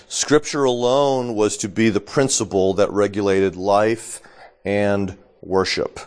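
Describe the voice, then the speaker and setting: A man teaching a small church class, deliberate and lightly joking, checking in with his listeners and coughing now and then. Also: lowish voice, steady tone, a little mellow. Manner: deliberate, adds joking asides and checks in with "okay?".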